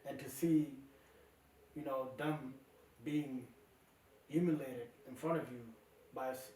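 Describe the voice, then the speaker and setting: A young man from South Sudan, a musician being interviewed, talking casually with many pauses and fillers. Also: medium pitch. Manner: relaxed, halting with many fillers. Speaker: musician guest. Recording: echoey room, from far off.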